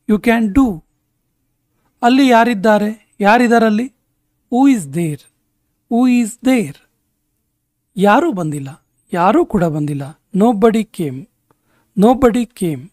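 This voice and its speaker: A man teaching spoken English, saying each short sentence twice in a slow, deliberate way. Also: high-pitched, darkish tone, no echo, studio quality. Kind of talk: spoken language lesson.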